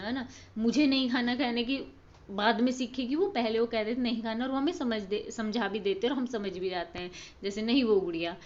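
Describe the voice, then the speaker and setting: A woman tutor explains course material in a relaxed, conversational lesson and keeps checking in with her listeners. Her voice sits fairly high. The recording sounds dull and lo-fi. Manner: conversational, checks in with listeners, acts out baby talk as examples. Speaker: tutor for distance-learning exam prep.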